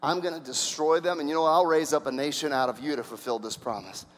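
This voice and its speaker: A man voicing God as a weary, exasperated male figure, speaking low and heavy inside a sermon. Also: steady tone, fast, big-room sound, natural voice. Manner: lowered, heavy, fed-up tone.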